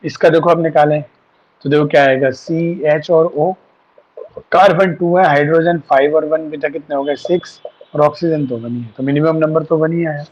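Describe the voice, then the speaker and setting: A man's voice: a little high, fairly even intonation, normal speed, a little mellow. A man teaching a chemistry class online, patiently talking students through formulas and mixing in English terms. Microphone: online class setup. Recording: dull lo-fi sound.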